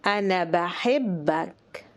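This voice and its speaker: Woman, Egyptian Arabic accent, language drill, extremely slow delivery, repeats each phrase. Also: fairly low pitch. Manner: repeats each phrase slowly, then gives the English. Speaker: language teacher.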